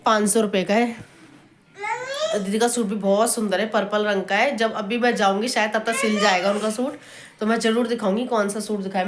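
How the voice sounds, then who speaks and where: A young woman, chatting casually and at length in a home vlog, recorded on a phone with faint household noise. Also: mid-range voice. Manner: chatty, rambling, scolds a toddler between remarks. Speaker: vlogger.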